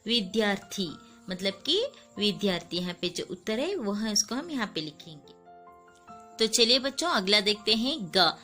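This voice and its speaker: A woman's voice: medium pitch, expressive, moderate pace, pushed and bright, soft background music. A woman teacher talking kids through a worksheet, patiently repeating and sounding out each word, now and then adding a short English gloss. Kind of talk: slow classroom lesson for children.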